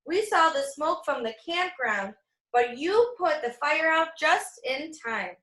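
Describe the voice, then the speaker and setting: In a high, a bit bright voice, a woman reads a picture book to young kids, animated and expressive like a storytime teacher. She reads at a slow pace. The space she's in is noticeably echoey.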